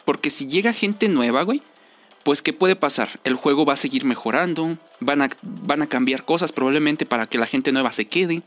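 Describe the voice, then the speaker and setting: A man's voice: fairly high pitch, animated, moderate pace, a bit bright. A young man with a Mexican accent giving casual, rambling game commentary in slangy, informal speech, repeating himself for emphasis. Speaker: gaming video creator. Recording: music under the voice.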